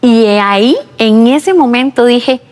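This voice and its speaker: A woman giving a personal faith testimony, telling her story in a lively way and acting out what she said back then. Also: a little high, slow pace, big-room sound. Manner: lively retelling, acting out her own past words. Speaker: testimony speaker.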